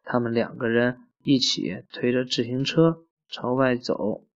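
A man's voice: mid-range voice, steady tone, a little slow. A man reading a children's story aloud in a plain way, with small slips and self-corrections. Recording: muffled lo-fi recording.

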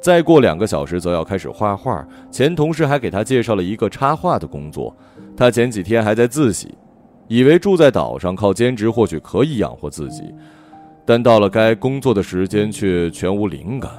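A man narrating a story in an expressive, gentle storytelling manner. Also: on the low side, moderate pace. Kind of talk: audiobook narration. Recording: faint background music.

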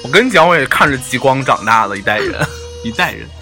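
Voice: mid-range voice, very animated, quick pace, music in the background. A playful, teasing host chatting casually and comically, given to exclamations. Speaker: talk show host. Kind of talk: casual comedic chat.

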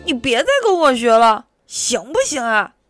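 A woman's voice: fairly high pitch, sing-song, measured pace, dry recording, soft background music, pitched above the performer's own voice. A woman doing a bossy young anteater big brother. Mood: bossy scolding. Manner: shouting, scolding, panicky. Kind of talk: children's storybook reading.

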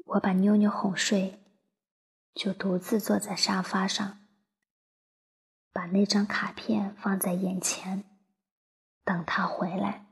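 Slow, breathy woman reading a story. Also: mid-range voice, level tone. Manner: soft, breathy, half-whispered delivery. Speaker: story narrator. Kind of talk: emotional first-person story reading.

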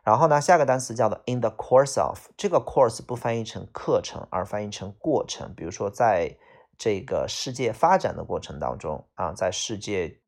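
A man's voice: on the low side, animated, normal speed, gravelly. A man teaching English vocabulary, explaining each word casually with fillers and heavy speech. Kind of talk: vocabulary lesson.

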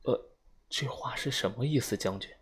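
A man's voice: mid-range voice, moderate pace, fairly bright tone, husky. A man reading an audiobook, voicing an uneasy, frightened young woman who asks tense, shaky questions.

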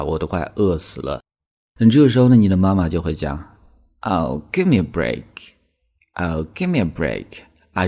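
Speaking in a low, slightly mellow voice, a man gives a chatty, explanatory English lesson. His talk is padded with little connecting words, most often the filler "那么".

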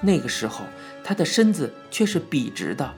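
A man reading a novel aloud as an audiobook narrator, in a measured, even storytelling manner. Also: a little high, faint music behind. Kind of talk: scripted narration.

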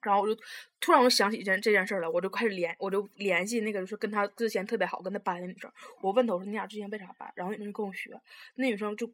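Young woman, chatting super fast, keeps restarting and rambling. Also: mid-range voice. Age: young adult. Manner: rambling, animated retelling with many restarts. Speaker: storyteller. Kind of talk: casual chat.

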